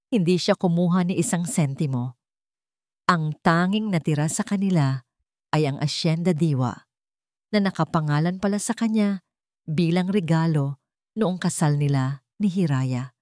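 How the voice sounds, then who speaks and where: A woman with a Filipino accent narrates a scripted dramatic story in a lowish, darkish voice. The recording is dry with clean studio sound.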